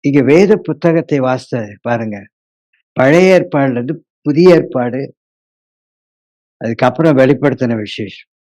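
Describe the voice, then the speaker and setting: A male pastor preaching a sermon, acting out his congregation's complaints in a lively way. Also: medium pitch, a little slow, long pauses.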